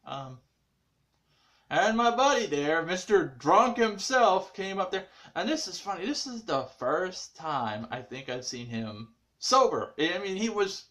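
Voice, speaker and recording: A man with a slightly high voice talks through an anime episode in a loose, rambling recap. He stumbles through fillers and restarts, dropping into muttered asides and then jumping up into excited bursts. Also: a little slow. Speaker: anime reviewer.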